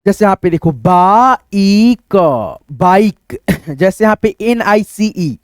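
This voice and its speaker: A man's voice: sits high, unhurried, a little mellow, no echo, studio quality. Man spelling English words in a patient lesson. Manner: spells words letter by letter, repeats them, addresses viewers as friends; patient, repetitive. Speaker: English teacher. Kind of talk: spoken phonics lesson at a board.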